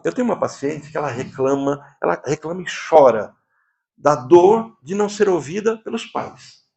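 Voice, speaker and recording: Animated Brazilian preacher, lively pitch. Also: male voice, moderate pace, gravelly, highs cut off. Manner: animated, swings between low quiet asides and high emphatic lines. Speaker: preacher and therapist. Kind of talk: sermon.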